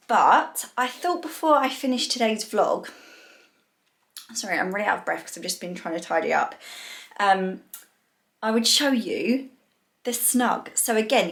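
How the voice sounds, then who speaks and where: A young woman chats her way through a home vlog. She rambles happily with plenty of fillers, her voice sitting at an ordinary middle pitch, recorded close on a handheld camera indoors. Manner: chatty, rambling, many fillers. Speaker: lifestyle vlogger. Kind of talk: casual vlog chat.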